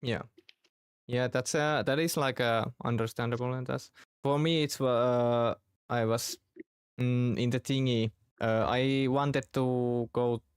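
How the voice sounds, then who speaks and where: A man from Finland chatting casually, halting often as he searches for words. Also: medium pitch, fairly even intonation, clean tone, dry recording, clean studio sound. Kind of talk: casual chat.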